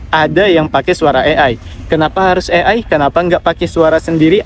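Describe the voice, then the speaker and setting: An affiliate marketing livestreamer with a somewhat high voice hosts a casual live Q&A, offering direct advice and reading out viewer comments. A little hiss or hum is audible.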